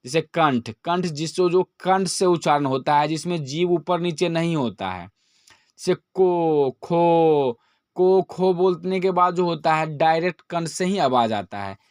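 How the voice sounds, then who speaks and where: Hindi teacher drawing out each sound. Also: male voice, fairly high pitch, expressive, a little mellow, clean tone, no echo, clean studio sound. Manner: slow, drawn-out sounding of each letter. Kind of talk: classroom-style grammar lesson.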